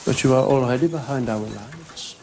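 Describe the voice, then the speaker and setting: A man's voice: mid-range voice, moderate pace, dark tone, lightly acted. A man acting a German army lieutenant in a war film, proud and courteous. His German-accented speech is formal and politely assured, over faint noise and clicks. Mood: confident, defiant. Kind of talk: film drama dialogue.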